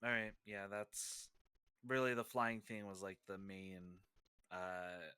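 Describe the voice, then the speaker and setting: A man's voice: on the low side, slow, sharp tone, clear, resonant tone, dry recording. A man playing in a tabletop game who asks hesitant questions full of fillers. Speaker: player.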